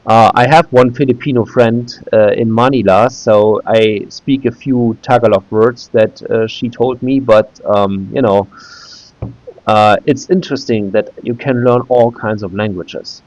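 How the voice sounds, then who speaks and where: This video creator, a German man in his thirties using English, gives a relaxed website walkthrough with a hesitant manner, plenty of fillers and frequent restarts. Expect a steady, medium-pitched voice at a measured pace with a darkish tone, no echo, and low-quality audio.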